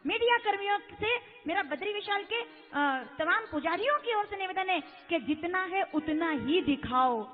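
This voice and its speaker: A woman preacher giving an impassioned devotional sermon to a large crowd, firing rhetorical questions at her listeners. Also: very high-pitched. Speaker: kathavachak preacher. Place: large religious gathering. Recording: echoey hall with tinny, phone-like sound.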